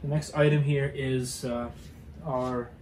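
A man's voice: mid-range voice, flat delivery, slow pace, a little mellow, reverberant, slight background noise. Young man rambling through a garage how-to. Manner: hesitant, many fillers and restarts while working with his hands. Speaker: DIY car channel host. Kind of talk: casual how-to demonstration. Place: cluttered garage indoors.

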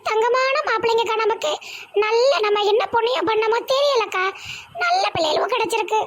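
A woman voicing a warm, chatty village woman with a Tirunelveli Tamil accent. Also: very high voice, fairly quick. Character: warm-hearted village woman, young aunt.

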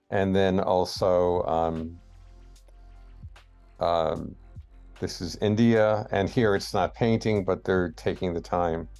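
A man giving a slow, hesitant lecture over slides, with many pauses and fillers. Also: sits low, vocal fry, darkish tone. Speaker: guest lecturer.

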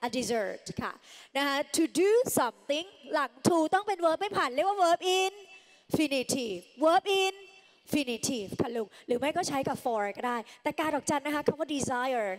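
A woman English tutor giving a lively lecture in a large hall, coaxing students with frequent polite particles. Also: sits high. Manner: coaxing, calls students "children", ends phrases with polite particles. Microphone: handheld mic.

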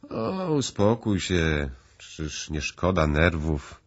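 A man reading the lines of a cool, composed host who asks pointed questions with icy calm. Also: extremely low pitch, moderate pace, slightly rough, highs cut off, full character voice. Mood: coolly calm. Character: cool composed male host, calmly probing.

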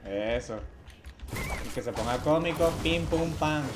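Noise fills the background as this Venezuelan-accented thirtysomething banters playfully on his headset mic during a casual gaming stream indoors in a small home room. He speaks on the high side and a little slowly, lively and teasing.

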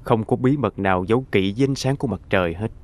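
An actor playing a reserved young husband who answers his wife calmly and coolly. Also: lowish voice, fast, natural voice. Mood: aloof. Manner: calm, flat and aloof.

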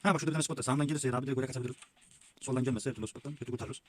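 A young man giving casual, excitable gameplay commentary, swearing often and talking like a buddy, his voice a bit rough. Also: medium pitch, racing. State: sweaty, voice gone a bit rough. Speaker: gaming YouTuber. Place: small room with window closed.

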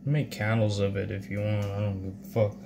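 A man's voice: on the low side, flat delivery, brisk, creaky. A man in his thirties cooking in a small home kitchen, swearing and muttering to himself while he works. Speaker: home cook vlogger. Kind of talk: casual cooking vlog. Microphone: phone camera propped on the counter. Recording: loud background noise.

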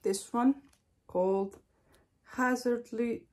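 A woman's voice: fairly high pitch, fairly even intonation, takes it slowly. A woman in her thirties talking casually to the camera as host of a challenge vlog, in a small room at home. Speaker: video host taking a candy challenge. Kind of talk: casual solo vlog chat.

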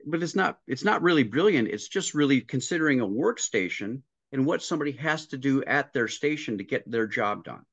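Animated and a little fast with few pauses, a middle-aged man's mid-range voice is fairly bright, slightly rough, and free of echo. As a restaurant consultant guest on a video call in a home room with a painting behind him, he tells work stories step by step, acting out dialogue with frequent restarts, over dry, muffled audio.

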